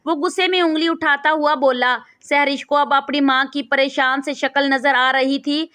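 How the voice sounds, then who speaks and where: A woman narrates a scripted moral story in a steady, even reading. Her voice sits high, and she keeps the telling calm and measured from line to line.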